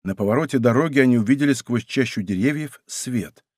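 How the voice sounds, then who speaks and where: A man narrating an adventure novel as an audiobook with an expressive, dramatic reading. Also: medium pitch, a little fast, husky, no room sound, clean studio sound.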